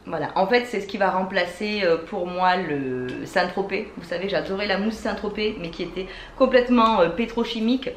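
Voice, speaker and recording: A woman's voice: mid-range voice, moderate pace, hardly any pauses. A woman with a French accent, chatting enthusiastically through a beauty product haul, with many fillers. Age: adult with children. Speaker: beauty vlogger. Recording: echoey room, faint ambient noise.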